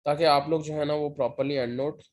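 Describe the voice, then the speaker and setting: A man gives a step-by-step software tutorial as a lecturer. He keeps checking in with his students as he goes. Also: a little high, fairly even intonation, a little fast. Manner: step-by-step, repeats "ठीक है" to check in. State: sore throat, occasional cough. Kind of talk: screen-share software tutorial.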